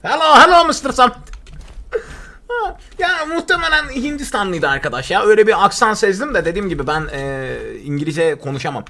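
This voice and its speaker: Young guy streaming a game, kinda high voice, joking around and yelling now and then. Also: quick pace, hardly any pauses. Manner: chatty, joking, excitable outbursts. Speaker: gaming streamer. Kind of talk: live gameplay commentary.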